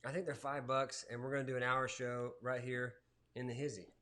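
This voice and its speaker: A man in his forties co-hosting a casual live-streamed cooking show from his home kitchen, relaxed and chatty, reading out viewer comments. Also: medium pitch, fairly quick.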